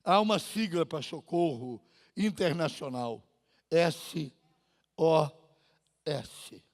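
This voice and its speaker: A male pastor preaching a sermon, dramatic and slow, drawing out pleas and swinging from loud cries to near-whispers. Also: a little high, animated. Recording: long church reverb.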